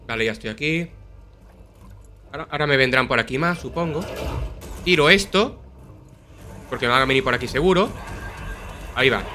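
Bright-voiced Spanish gamer with a sore throat. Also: male voice, medium pitch, fairly quick, long pauses. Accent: Spain Spanish. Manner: swears a lot, chatty, talks to viewers. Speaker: gameplay streamer. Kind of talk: casual gameplay commentary.

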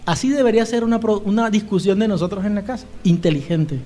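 High-voiced animated Spanish-speaking preacher. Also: male voice, quick pace. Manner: animated, acts out quoted shouting. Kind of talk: sermon.

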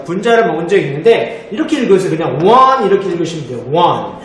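A man teaching English in a remote lesson for middle school students, explaining step by step and answering his own questions. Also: high-pitched. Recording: echoey room, faint noise.

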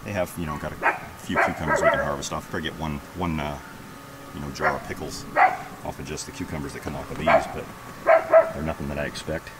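A man in his thirties casually walking through his backyard garden, talking in a relaxed, rambling way with lots of fillers, filmed on a handheld camera outdoors. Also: extremely low pitch, fast talker. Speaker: homesteading vlogger. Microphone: camera held at arm's length. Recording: outdoor background noise.

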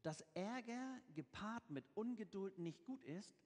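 A man's voice: sits high, lively intonation, unhurried, darkish tone. A man preaching a sermon, reading scripture aloud with emphasis and explaining it in plain everyday words. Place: church. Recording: church with long reverb.

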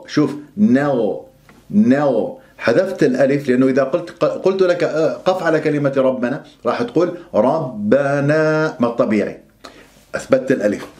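A man from Iraq teaching Quran recitation rules, stretching words out slowly to demonstrate their pronunciation. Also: mid-range voice, a little mellow. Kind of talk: tajweed lesson with slow demonstrations.

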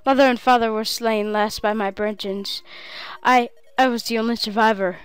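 A woman reading out an earnest young woman of the plains from a game, in a quiet voice. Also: on the high side, steady tone, moderate pace, clean tone, no room sound, close to an everyday voice. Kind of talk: reading game dialogue aloud.

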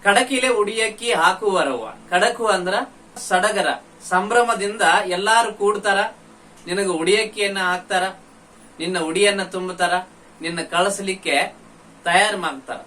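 A man explaining a devotional folk song, breaking into slow singing of its verses. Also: high voice, fairly even intonation, sharp tone. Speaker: teacher of devotional folk songs. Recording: distant mic with faint background noise.

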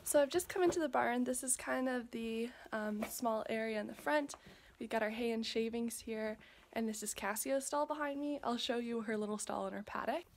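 On a noisy recording, a twenty-something vlogger with a voice on the high side shows viewers around a farm and into a barn at a normal speed. She films on a phone held at arm's length, staying chatty and cheerful and pointing out sights as she walks.

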